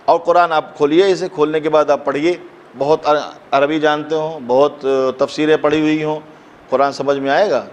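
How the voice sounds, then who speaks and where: A man's voice: on the high side, level tone, slight background noise. Fervent male preacher, rhetorical questions. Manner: rhetorical questions, rises to a fervent recited couplet. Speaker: cleric giving a mourning sermon. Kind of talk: impassioned majlis sermon. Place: mosque gathering.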